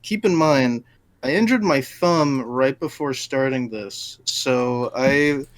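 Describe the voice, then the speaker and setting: A man's voice: medium pitch, takes it slowly, poor audio. A man interviewed as a guest animator on a livestream, hesitant and stammering but joking.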